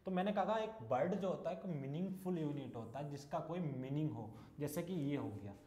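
A man's voice: on the high side, expressive, normal speed, dark tone. A male teacher giving an English lesson, asking questions and repeating the answers. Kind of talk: classroom English lesson in Hindi. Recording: echoey room.

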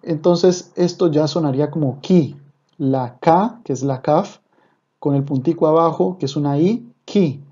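A man's voice: on the high side, measured pace, dark tone, breathy edge. A man teaching an online language lesson, patiently repeating each point and often checking in with his listeners. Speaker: Hebrew teacher. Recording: slightly dull, muffled recording.

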